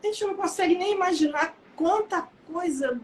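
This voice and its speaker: A woman, an author telling lively anecdotes about her book and laughing as she goes. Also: very high-pitched, moderate pace, a little hiss or hum. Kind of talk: casual storytelling talk.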